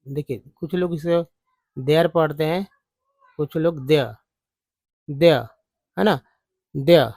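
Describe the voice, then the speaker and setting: A man talks through an English reading lesson, breaking words into letters and repeating them. He speaks very slowly in a slightly high voice. The recording is dry and close. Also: a little mellow, no room sound. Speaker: English teacher. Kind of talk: spelling and pronunciation lesson.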